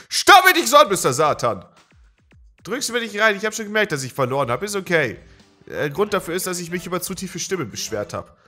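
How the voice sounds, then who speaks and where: A man doing gameplay commentary, excitable, swearing and yelling at the game. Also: medium pitch. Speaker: let's play gamer.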